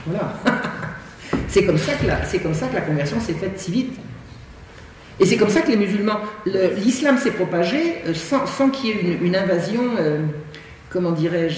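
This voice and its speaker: A woman's voice: lowish voice, expressive, moderate pace, darkish tone. A woman giving an emphatic talk as an invited guest speaker, often repeating words as she restarts her sentences. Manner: emphatic, frequent word repetitions and restarts. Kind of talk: lecture-style talk to an audience. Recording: echoey hall, distant mic, faint hiss.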